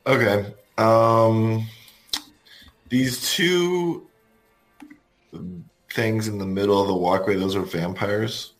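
Slow, hesitant man playing a tabletop game. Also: fairly low pitch, soft background music. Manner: hesitant, full of ums, describes actions slowly. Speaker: player.

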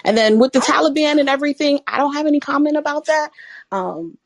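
A woman's voice: high-pitched, quick pace, no room sound. A woman caller chatting informally about her opinions, rambling a little as she thinks aloud. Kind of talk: casual opinion chat.

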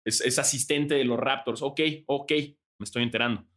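Mexican man, relaxed joking podcast co-host, average pitch. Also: normal speed. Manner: relaxed, joking, thinks aloud with fillers. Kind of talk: casual sports chat.

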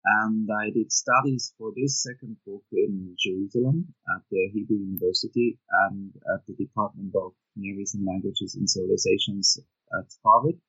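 A middle-aged man, a Bible professor answering interview questions in a careful, deliberate, academic way, on dull, lo-fi remote audio. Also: on the low side, steady tone, fairly bright tone, husky, no echo. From Switzerland. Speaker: guest author, Bible professor.

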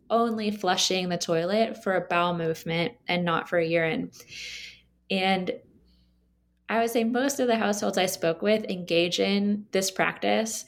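A woman author answering interview questions about her research, explaining in a measured way with occasional ums. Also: on the low side.

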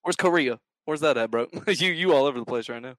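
A man's voice: mid-range voice, quick pace, fairly bright tone, no room sound, rough recording. A man from Mississippi with a Southern US accent, chatting casually and informally on a group gaming podcast. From Mississippi, near Memphis, USA.

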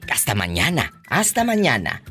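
A man's voice: mid-range voice, wildly swooping pitch, normal speed, fairly bright tone, faint music behind. A man with a Mexican accent hosting a radio talk show, teasing and theatrical, with playful exclamations.

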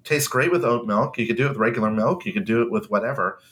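A man's voice: mid-range voice, quick pace, a bit bright, slight background noise. Congested man, enthusiastic podcast co-host. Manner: enthusiastic, emphatic. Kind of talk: casual podcast chat.

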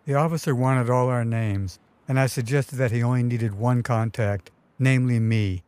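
A man's voice: medium pitch, steady tone, moderate pace, darkish tone, smooth, no echo. A man narrating his own memoir story in a vivid, wry storytelling manner. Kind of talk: first-person memoir narration.

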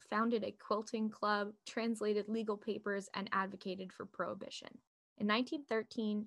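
Woman podcast co-host, gravelly texture, reads notes steadily, casual asides. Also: mid-range voice, a bit bright. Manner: reads notes steadily, then chats loosely. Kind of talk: casual history podcast narration.

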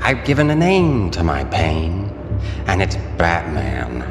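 The Joker, wildly swooping, slow menace. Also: male voice, low-pitched, wildly swooping pitch, over music, full character voice. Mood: vengeful. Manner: mocking, drawn-out, theatrical. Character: theatrical, menacing male crime-boss clown, gleefully unhinged. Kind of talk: audio drama acting.

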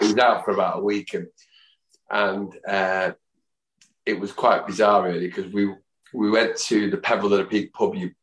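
A man, a guest telling long, rambling stories in a podcast chat and acting out the people he quotes. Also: low-pitched. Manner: rambling, chatty storyteller who acts out quotes. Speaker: guest, fan songwriter. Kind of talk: anecdotal storytelling in a podcast chat. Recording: roomy echo.

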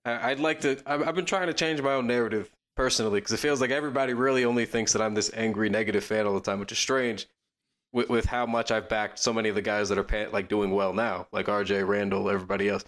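Low-voiced man in rambling sports chat. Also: steady tone, fairly bright tone. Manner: quick, rambling, lots of fillers and restarts. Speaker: podcast co-host.

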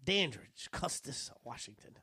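Man, trivia podcast host, chatty, lively pitch, dry close sound. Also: breathy edge, no room sound. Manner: chatty, explaining, quick to laugh. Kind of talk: casual podcast chat.

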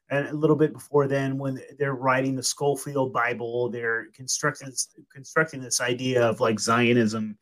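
A man's voice: medium pitch, a bit bright, rough recording. A man hosting a podcast, talking in a rambling, laid-back way full of casual fillers. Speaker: podcast host.

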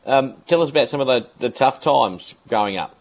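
A man's voice: medium pitch, animated, fairly quick. A man hosting a radio interview, friendly, with long rambling questions. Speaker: radio show host.

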